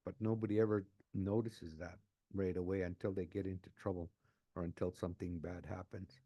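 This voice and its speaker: A man in his sixties telling his own life story, unscripted and emotional, often halting and repeating words as he restarts a phrase. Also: sits low, level tone, breathy edge, no room sound, highs cut off. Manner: emotional, earnest. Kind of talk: personal testimony, unscripted.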